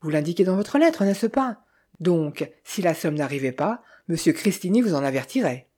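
A reader voicing a cheerful, pushy Italian man with a brisk, persuasive manner in an audiobook. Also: medium pitch, animated, darkish tone, husky. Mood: breezy. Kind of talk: audiobook character voice.

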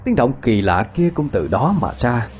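A man's voice: mid-range voice, very animated, moderate pace, darkish tone, soft background music. A man narrating a ghost story in a dramatic, suspenseful way.

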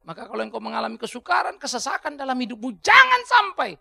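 A male pastor preaching a sermon in a colloquial way, swinging between hushed asides and loud outbursts. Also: extremely high pitch, animated, rapid-fire, gravelly, no room sound, studio quality.

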